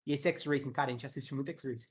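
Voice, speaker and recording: With background noise audible, a Brazilian man speaks fast at a medium pitch into his headset. He's teaching a casual live English class online in a Brazilian Portuguese accent, cracking jokes and chatting with slang.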